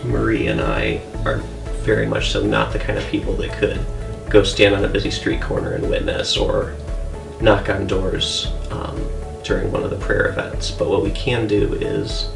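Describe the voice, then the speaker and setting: A man telling a casual testimony about serving others, unhurried, with many pauses and fillers. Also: sits low, sing-song, gravelly. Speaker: church member in a video. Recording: echoey room with music under it. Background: music.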